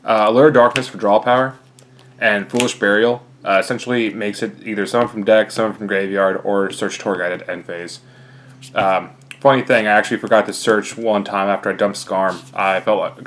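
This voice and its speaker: Young man, out of breath, rambling with fillers, a bit low-pitched. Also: steady tone, brisk, a bit bright, slight background noise. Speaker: card game player. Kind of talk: casual deck walkthrough.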